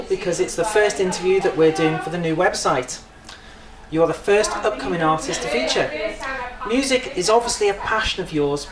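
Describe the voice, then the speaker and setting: An interviewer works through prepared questions at a mid pitch. The voice rings in an echoey room, with a crowd chattering behind.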